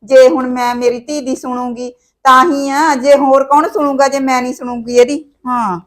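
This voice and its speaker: A woman's voice: high-pitched, fairly even intonation, moderate pace, natural voice. An actress playing a caring older mother who visits her married daughter, talking in a homely, advising way full of sayings, with a Punjabi accent. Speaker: actor. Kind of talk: village short-film acting.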